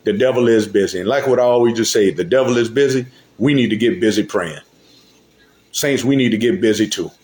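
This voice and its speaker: Lower-voiced man preaching a casual sermon. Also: fairly quick, a little mellow. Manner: repeats "hallelujah, God" between phrases; colloquial, conversational preaching with rhetorical questions. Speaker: elder preaching. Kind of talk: informal sermon.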